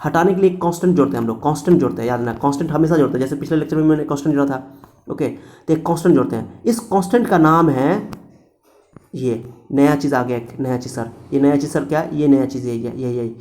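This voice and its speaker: A man's voice: on the high side, fast talker, darkish tone. A man teaching a physics lecture to students, repeating key points and asking and answering his own questions. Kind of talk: classroom-style lecture to students.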